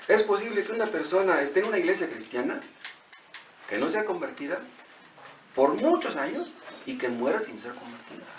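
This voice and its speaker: A man's voice: high voice, fairly bright tone, reverberant, distant mic. Male pastor, Mexican accent, conversational sermon, faint room hiss. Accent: Mexican Spanish. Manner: conversational preaching, retells dialogue, rhetorical questions. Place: church.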